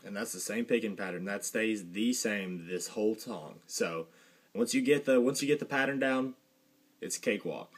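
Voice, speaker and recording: A young man giving a casual guitar lesson, relaxed and rambling, with fillers and a dry joke now and then. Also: on the low side, moderate pace. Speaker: guitar teacher. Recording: guitar playing behind the voice.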